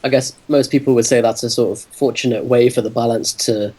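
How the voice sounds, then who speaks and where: A man's voice: medium pitch, fairly even intonation, warm tone, poor audio. A man guesting on a podcast as a fitness coach, explaining steadily with plenty of ums. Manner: measured, explanatory, many ums. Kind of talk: casual interview answers.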